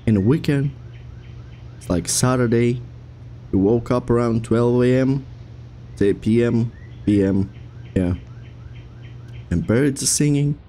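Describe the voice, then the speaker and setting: A man in his thirties doing casual horror game commentary, reading prompts aloud and joking flippantly in halting phrases. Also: medium pitch, warm tone. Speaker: streamer playing a horror game.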